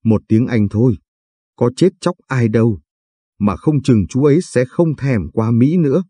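A man's voice: medium pitch, a little slow, mellow, breathy edge, no echo. A man reading as a cheeky teenage boy. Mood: teasing. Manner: teasing, playful. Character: cheeky teenage boy, mischievous little brother.

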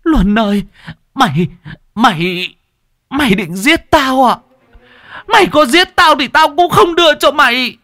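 A woman's voice: mid-range voice, big pitch swings, moderate pace, no echo, clean studio sound, voice pushed up. A man voicing a frail, desperate old peasant mother, pleading and shrieking in a storybook tale. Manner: pleading, then shrieking in terror.

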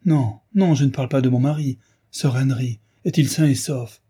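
A man's voice: mid-range voice, normal speed, warm tone, breathy edge, pitched above the performer's own voice. A man reading aloud as a distressed, betrayed wife, pleading and emotional. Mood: urgent.

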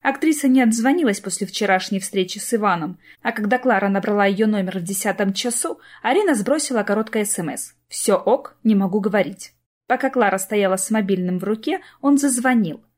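A woman narrating an audiobook with expressive storytelling. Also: medium pitch, fairly quick, hardly any pauses.

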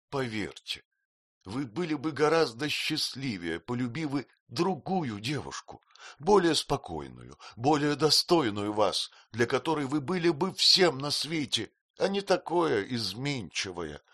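A man's voice: medium pitch, fairly bright tone, pitched above the performer's own voice, exaggerated voice. A man reading an audiobook voices a tearful, childlike young woman who sobs and pleads. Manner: sobbing, pleading.

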